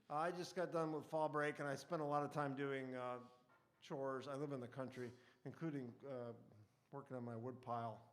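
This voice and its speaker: Man, slightly high voice, wry reflective storytelling, read aloud. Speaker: storyteller reading a personal essay.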